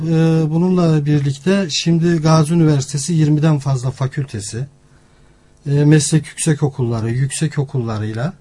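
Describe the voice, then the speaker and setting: A male academic with a mellow, slightly high voice. He explains things formally, in measured phrases broken by pauses, as an interview guest. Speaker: university language centre director, professor. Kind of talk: formal informational interview answers.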